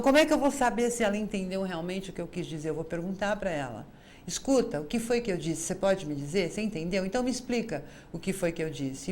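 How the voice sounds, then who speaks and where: A woman's voice: on the low side, slight background noise. A woman with a Brazilian Portuguese accent hosting an advice show as a psychologist, talking straight to viewers and acting out the quoted lines herself. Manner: lively, acts out quoted dialogue. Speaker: psychologist host.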